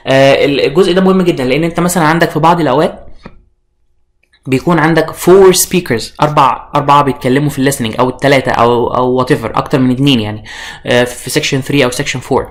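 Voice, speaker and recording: A man's voice: mid-range voice, fast. A young man with an Egyptian Arabic accent, giving an online course introduction as an IELTS instructor and mixing English terms into his Arabic, with frequent fillers and restarts.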